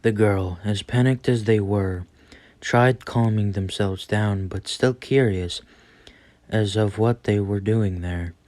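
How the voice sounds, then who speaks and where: A man's voice: lowish voice, steady tone, takes it slowly, darkish tone, no echo. A man narrating a scripted horror story as its storyteller.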